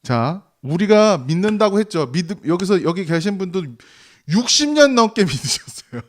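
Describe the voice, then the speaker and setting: A man's voice: high-pitched, sing-song, normal speed. A male pastor preaching a Sunday sermon in a conversational way, asking the congregation rhetorical questions and acting out quoted voices. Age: 40s or older. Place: church sanctuary.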